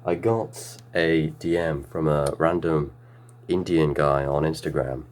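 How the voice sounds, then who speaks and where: Laid-back young man, low voice. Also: a little slow, darkish tone, slight background noise. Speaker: podcast co-host. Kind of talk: casual chat.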